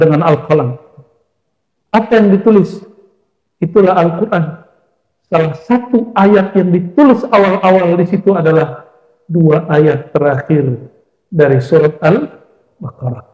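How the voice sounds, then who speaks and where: A male Islamic preacher giving a sermon, asking his audience questions and answering them himself, sometimes chanting verses. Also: high-pitched. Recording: echoey dull-sounding hall.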